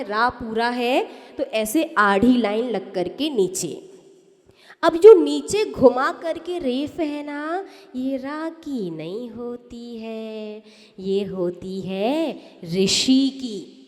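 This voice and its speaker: A woman giving a sermon as a nun, teaching correct pronunciation slowly and emphatically, asking her listeners questions and answering them herself. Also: on the high side, expressive, a little mellow. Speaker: Jain nun giving a discourse. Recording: long hall reverb.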